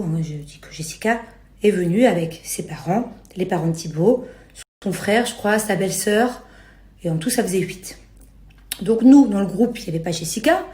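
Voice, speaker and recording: A woman's voice: medium pitch, a little mellow. A young adult woman from France talking casually to her followers, exasperated and justifying herself in colloquial slang. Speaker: reality TV personality. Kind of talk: casual spoken rant to followers. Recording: roomy echo on the voice.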